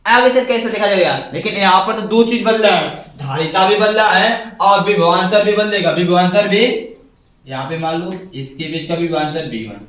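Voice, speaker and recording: A man's voice: high voice, moderate pace, fairly bright tone. A man teaching a physics class, who keeps asking his students questions and repeating the key words back to them. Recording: echoey room, mic far off.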